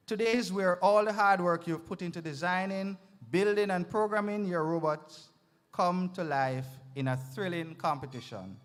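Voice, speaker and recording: A woman giving earnest, measured opening remarks at an event and introducing the emcee. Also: fairly low pitch. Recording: long hall reverb.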